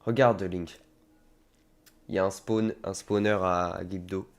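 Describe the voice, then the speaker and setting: A man's voice: sits low, steady tone, a little slow. A man with a cold reading out a game ally's dialogue in a plain voice. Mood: earnest.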